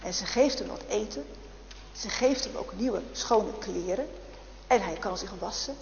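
A woman telling a story in a lively, expressive way, speaking directly to her listeners. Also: mid-range voice, unhurried, gravelly, a little hiss or hum. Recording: echoey hall, dull lo-fi.

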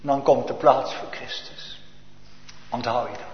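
A man preaching a sermon to his congregation, shifting from hushed to emphatic and full of rhetorical questions. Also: medium pitch, steady tone, measured pace. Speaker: pastor. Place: church. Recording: echoey church, lo-fi reverberant recording.

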